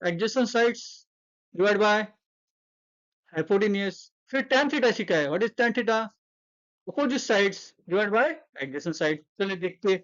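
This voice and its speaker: A woman's voice: medium pitch, muffled recording. A woman with an Indian accent teaching a math lesson, explaining step by step and repeating her terms. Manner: explains slowly step by step, repeats terms, mixes English and Hindi. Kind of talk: classroom math lecture.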